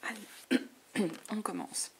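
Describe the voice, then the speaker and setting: A woman giving a monthly tarot reading in a soft, half-whispered voice full of fillers, her voice giving out. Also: slow pace. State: voice giving out, clearing throat. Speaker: tarot reader. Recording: noisy home recording.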